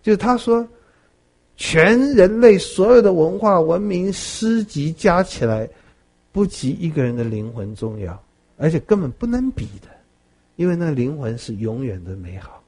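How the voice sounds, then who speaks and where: A man preaching a sermon, telling stories with animated swings between soft and loud. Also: a little high, normal speed. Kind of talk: sermon with storytelling.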